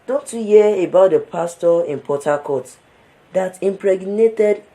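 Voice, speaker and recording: A man's voice: sits high, measured pace, mellow, low-quality recording. An actor with a Nigerian accent playing a cynical young man who talks street slang, sneering and scoffing. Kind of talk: film drama acting.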